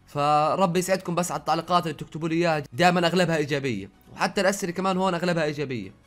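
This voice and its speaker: Faint music plays behind a young adult Jordanian YouTuber whose fairly high voice is slightly raised and very fast. Sitting in his own room, he talks casually in Jordanian Arabic sprinkled with Saudi words, reading viewer questions aloud and answering them in succession.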